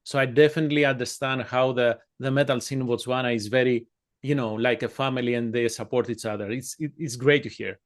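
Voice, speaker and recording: Friendly interviewer from Greece. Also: male voice, medium pitch, fairly even intonation, a little fast. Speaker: interviewer, host. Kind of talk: casual interview.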